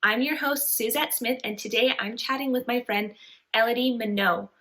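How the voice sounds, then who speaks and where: A woman hosts an interview podcast with a slightly high, bright voice. She speaks in a friendly, encouraging way as she opens the show and draws out her guest. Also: steady tone, normal speed. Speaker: podcast host.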